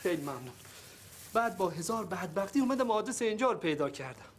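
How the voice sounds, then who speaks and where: A man's voice: sits high, sing-song, slight background noise. An actor playing an emotional village man searching for his long-lost father in a TV sitcom, talking in a melodramatic, tearful way. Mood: earnest. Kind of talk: TV sitcom acting.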